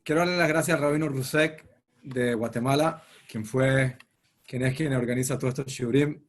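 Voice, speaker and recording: A man's voice: mid-range voice, moderate pace, slight background noise. A man, a rabbi, giving a sermon as a story and quoting its characters along the way. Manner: retells a story, quoting its figures in passing.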